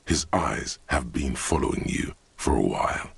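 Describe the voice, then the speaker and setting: Extremely deep, gravelly inner-voice narrator. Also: male voice, lively intonation, normal speed, no room sound, exaggerated voice. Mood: brooding narration. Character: narrator voicing a detective's inner thoughts, knowing and dry. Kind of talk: scripted game narration.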